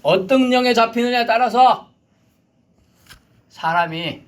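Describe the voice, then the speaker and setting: A man preaching a sermon, swinging from loud shouted commands down to near-whispers. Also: very high-pitched, slow. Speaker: pastor.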